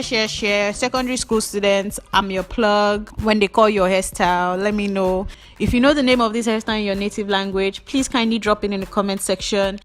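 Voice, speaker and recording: A young Nigerian woman, Yoruba by first language and speaking with a Nigerian accent, narrates a hair-braiding tutorial voice-over. Her mid-range voice rambles along in a playful, gossipy way.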